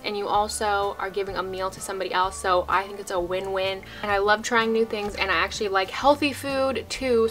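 A woman's voice: medium pitch, a bit bright. A young woman vlogger chatting casually while unboxing and tasting snacks, sometimes talking with food in her mouth.

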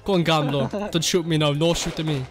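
A young man streaming a game with friends, yelling, swearing and laughing a lot, heard over a headset. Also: a little high, fairly quick. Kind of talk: rowdy gaming banter. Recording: game music behind voice.

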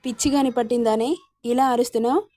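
A woman's voice: fairly high pitch, fairly even intonation, fast talker, dark tone, no echo, natural voice. A woman voicing a domineering young husband who scolds and teases sarcastically. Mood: scolding.

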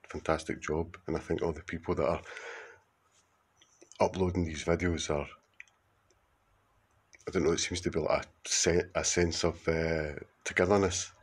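A man's voice: low voice, breathy edge. A man in his fifties with a Glaswegian accent, speaking casually to camera in a rambling, hesitant way. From Scotland. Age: 50s. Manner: rambling, hesitant, with many fillers and restarts. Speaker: contributor sending a video message.

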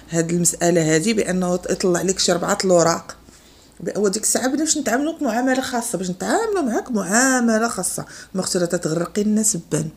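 A woman with a Moroccan accent speaks in a rapid, heated stream as an online commentator. She sounds indignant and circles back to the same phrases to press her point, in a mid-range voice. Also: mid-range voice, husky. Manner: indignant, repeats phrases for emphasis. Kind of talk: heated opinion monologue.

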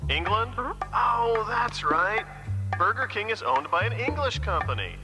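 A man's voice: sits high, big pitch swings, measured pace, music in the background, full character voice. A man playing a smug, self-assured burger mascot in a scripted TV ad, speaking with sarcastic confidence. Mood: ranting. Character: cocky mascot, grown man with ball head, smug. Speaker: ad spokesman. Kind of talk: scripted TV ad spokesman.

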